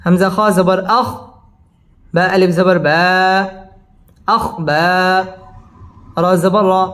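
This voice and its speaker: A man teaching Quran recitation, spelling out letters and chanting verses slowly with tajweed. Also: high voice, steady tone, fairly bright tone.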